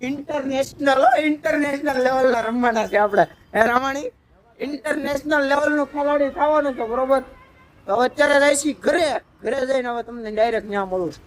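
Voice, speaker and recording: A man's voice: extremely high pitch, a little fast. Playful vlogger man. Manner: playful, sing-song baby talk to the child, then chatty sign-off to viewers. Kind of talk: casual vlog talk with a small child and viewers.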